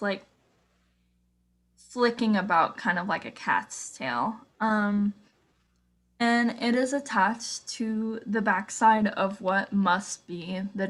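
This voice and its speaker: A woman narrating a tabletop game as game master, in a casual way with many fillers. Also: mid-range voice.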